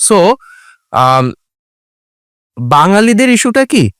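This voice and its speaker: Male IELTS expert guest, a bit high, smooth clear voice, patient explainer, dry studio sound. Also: sing-song, takes it slowly, fairly bright tone, no echo. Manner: patient explainer, switches between English and Bengali. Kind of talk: explanatory talk.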